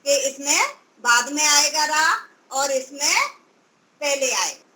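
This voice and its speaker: Slow, bright-voiced woman teaching pronunciation. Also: high-pitched, steady tone, low-quality recording. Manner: drawn-out syllables, patient corrections. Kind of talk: pronunciation lesson.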